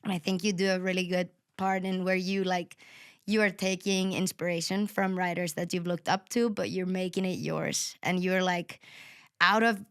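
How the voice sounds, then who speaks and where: A woman's voice: fairly low pitch, fairly even intonation, normal speed, fairly bright tone, clear, resonant tone. A young woman hosting a podcast, talking enthusiastically and swearing casually. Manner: enthusiastic, swears casually, says "sick" a lot. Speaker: podcast host.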